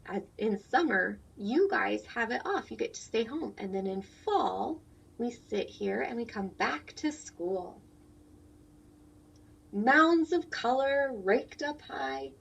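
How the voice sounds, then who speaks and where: A woman teacher reads a picture book to young children, putting questions to them and keeping explanations simple. Her slightly high voice carries vocal fry and some roughness, heard through dull, lo-fi audio far from the mic.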